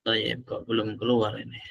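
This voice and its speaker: A man teaching an online Arabic class, slowly sounding out each Arabic word before explaining it. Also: mid-range voice, gravelly, pushed and bright, breathy edge.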